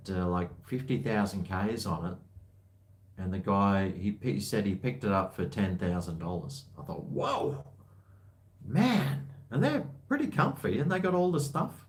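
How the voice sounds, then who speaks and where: A man chatting casually on a livestream, rambling in blokey, laid-back slang. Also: lowish voice. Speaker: livestream host. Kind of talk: casual livestream chat, answering viewer comments.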